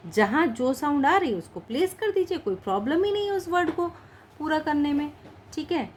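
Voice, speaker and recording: A woman teaching a shorthand lesson in Hindi mixed with English words. She speaks patiently, slowly says each practice word and repeats it. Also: high voice, animated, a little hiss or hum. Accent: Indian English words mixed into Hindi.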